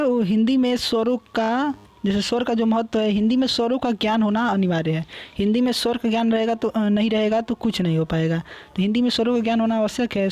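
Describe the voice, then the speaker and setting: A man's voice: sits high, darkish tone. A young man teaching a lecture, explaining patiently, repeating terms and drawing out vowel sounds as examples. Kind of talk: classroom lecture.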